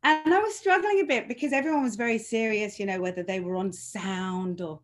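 A woman's voice: medium pitch, a little fast, a little hiss or hum. Woman who says w for r. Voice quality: cannot pronounce R's properly, says w for r. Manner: self-mocking, laughs readily. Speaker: fitness trainer. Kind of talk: animated personal storytelling in conversation.

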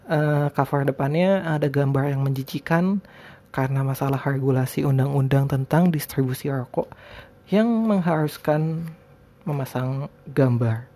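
Lisping man, higher-pitched casual podcaster. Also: dark tone. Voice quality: lisped r sounds (cadel). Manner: rambling, hesitant, informal. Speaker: podcast host. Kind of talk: casual solo podcast talk.

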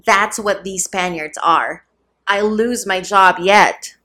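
A woman's voice: medium pitch, takes it slowly, bright, forceful tone. A woman doing a lazy male gravedigger, sly, offhand, half-jesting, storybook reading. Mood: grumbling.

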